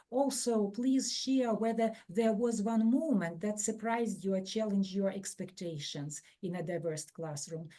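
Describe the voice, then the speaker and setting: A woman from Ukraine hosts an online teaching workshop, her voice warm and mellow. She talks in a measured, steady way, with the odd filler and restart. It sounds like a video call. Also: mid-range voice. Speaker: webinar presenter.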